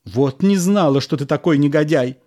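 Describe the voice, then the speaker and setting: A man reading the part of an angry, unfaithful young wife in an audiobook, scolding and sharp. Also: on the high side, normal speed, close to an everyday voice.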